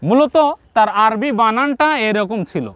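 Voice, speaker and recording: A man teaching Quran reading step by step, patiently repeating each sound slowly and addressing the viewers directly. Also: high voice, fairly bright tone, no echo. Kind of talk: step-by-step lesson.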